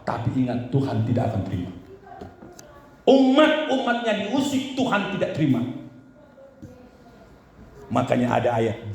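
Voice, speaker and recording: A man's voice: mid-range voice, gravelly, darkish tone. A man, the church's pastor, delivers a Sunday sermon in a chatty way, often turning to speak to the congregation. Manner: conversational preaching with frequent asides to the congregation. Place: church hall. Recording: echoey church hall with faint background noise.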